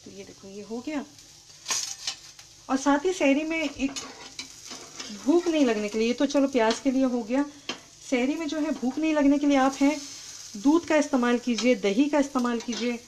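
Woman, cooking host, chatty, fairly high voice, kitchen, faint noise. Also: moderate pace, long pauses, a little mellow, poor audio. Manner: chatty, greets viewers by name. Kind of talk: live cooking demonstration. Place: home kitchen.

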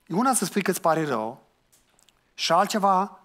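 Male pastor, higher register; earnest sermon delivery, challenging and conversational. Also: very animated, a bit bright. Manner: earnest, questioning the listeners, colloquial asides.

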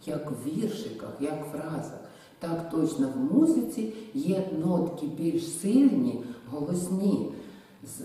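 Woman, Ukrainian accent, music teacher, lively sing-song delivery, mellow tone, echoey room, distant mic. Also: low voice. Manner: clapping and counting beats aloud, stretching out rhymes. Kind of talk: music lesson for children.

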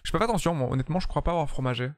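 Chatty tired male streamer, slightly high voice. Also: expressive, very fast. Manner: chatty, joking, swears freely, talks to chat. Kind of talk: casual live-stream commentary while playing.

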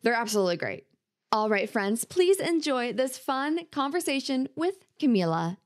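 A woman's voice: on the high side, sing-song, normal speed, dry recording. A young woman hosting a podcast interview, asking questions in an upbeat, enthusiastic way into a studio mic. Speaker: podcast host. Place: small room at home, video call. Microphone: studio mic on boom arm with headphones.

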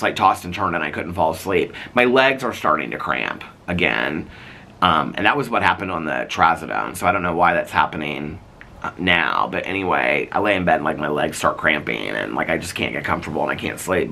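This vlogger, a Midwestern American man in his fifties, chats to camera from an outdoor porch in a rambling way, with lots of fillers and false starts. His voice sits low and is creaky, bright and forceful, cracking as he loses it.

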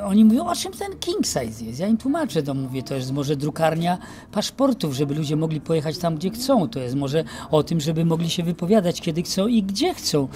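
A man's voice: on the high side, slight background noise. Reminiscing older man, outdoors. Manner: reminiscing, lively with many pauses and fillers. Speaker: actor interviewee. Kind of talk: casual interview. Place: outdoor garden courtyard. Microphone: handheld mic held by interviewer.

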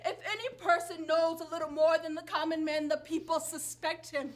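A young adult student actor plays a wronged, vengeful foreign princess on stage, pleading with impassioned, tearful bitterness. Her voice is extremely high, with fairly even intonation and normal speed.

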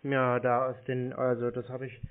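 Over a muffled, narrow phone connection, a prank caller playing a gullible customer rambles and hesitates. His mid-pitched voice is smooth and monotone, moving at a moderate pace.

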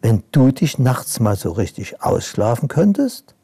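A man's voice: mid-range voice, sing-song, unhurried, gravelly, warm tone, breathy edge, dry recording, clean studio sound, exaggerated voice. A man reading a bedtime story, voicing a young princess who can't sleep and craves adventure. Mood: eager.

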